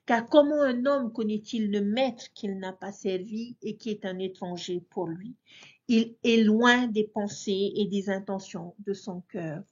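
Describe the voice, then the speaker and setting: A woman's voice: medium pitch, a little slow, lo-fi sound. Earnest woman teaching a scripture lesson. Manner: earnest, addresses listeners as brothers and sisters.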